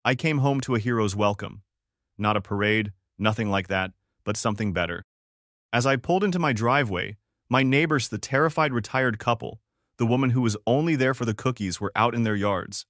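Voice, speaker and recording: A man telling a first-person story in a measured, even narration. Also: mid-range voice, dry recording, clean studio sound.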